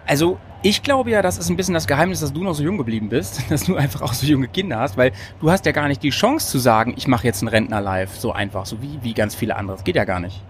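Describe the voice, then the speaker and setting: A podcast host on a train talks fast and animatedly with hardly any pauses, his voice medium in pitch, amid slight background noise. He's bubbly and giggly, laughing often and rambling casually with fillers.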